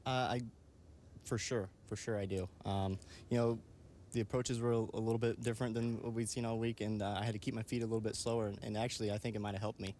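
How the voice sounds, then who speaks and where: A man, an athlete giving a live interview in a halting, modest way. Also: lowish voice, level tone, a little mellow, slight background noise. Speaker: champion athlete being interviewed.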